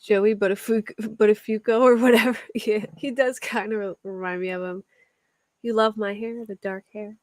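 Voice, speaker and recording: Her medium-pitched voice stays steady and a little mellow at a moderate pace. The speaker is a young woman with a Philadelphia accent, from that area, who hosts a true crime livestream where she casually reads a story aloud, fields viewer chat, and laughs a lot, all in clean studio sound without echo.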